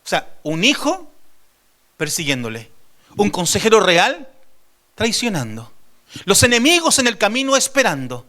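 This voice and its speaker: High-pitched bright-voiced man preaching. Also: huge pitch swings, unhurried, pauses often. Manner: emphatic preaching with call-and-response questions to the congregation; swings between raised and hushed delivery. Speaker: pastor. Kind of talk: sermon.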